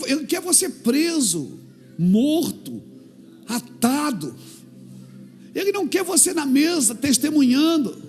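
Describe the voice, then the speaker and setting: A Brazilian man preaches with fervor, his voice pitched high and gravelly. He acts out little dialogues and climbs to shouted peaks. Soft music plays faintly underneath. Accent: Brazilian Portuguese. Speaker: pastor. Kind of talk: sermon.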